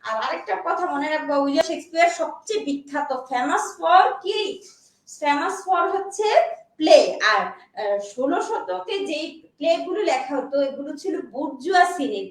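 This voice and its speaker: A woman gives a classroom lecture on English literature in a very high voice. She explains step by step and keeps asking whether her students follow. She sounds far from the mic in a strongly echoing room. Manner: explains slowly, checks understanding with repeated questions.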